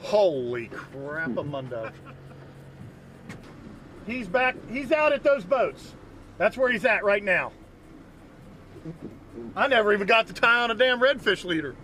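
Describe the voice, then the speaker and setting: A man, a charter fishing captain giving loud, excited commentary and coaching on an open boat, recorded on an action camera. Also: sits high, measured pace, pauses often. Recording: outdoor boat noise. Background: wind and water noise.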